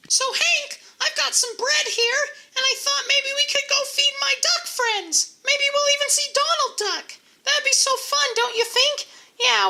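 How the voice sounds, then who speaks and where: A performer with a woman-sounding, squeaky voice voicing a small, timid but cheerful monkey puppet who hosts a children's show with kids party magician patter. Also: gravelly, pushed and bright, heavily acted. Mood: upbeat, coaxing.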